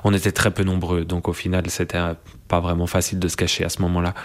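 A young man with a deep, low voice reflects calmly as an interviewee, speaking slowly and thoughtfully. He often pauses to find words and restarts phrases while working through his ideas.

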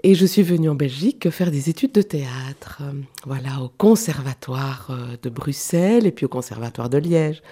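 A woman's voice: a bass voice, lively intonation, moderate pace, warm tone, husky. A middle-aged woman from Switzerland, guest in a radio interview, talking through her work with many fillers and restarts. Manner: hesitant, searching for words with many fillers. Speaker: guest, clown and actress.

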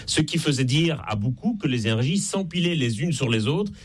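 A man with a Belgian French accent, appearing as an author guest on a radio call-in show, explains things in a measured way. His mid-range voice is husky with lively intonation.

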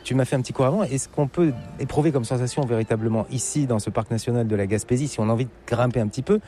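A man hosting a radio show, chatting briskly with a guest and narrating the segment. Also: mid-range voice, dark tone.

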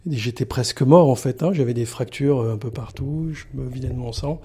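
Middle-aged guy from paris area, lots of ums, radio interview, mellow voice. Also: mid-range voice, slightly rough. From Paris region, France. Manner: halting, many filler pauses. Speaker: sanctuary communications manager, guest.

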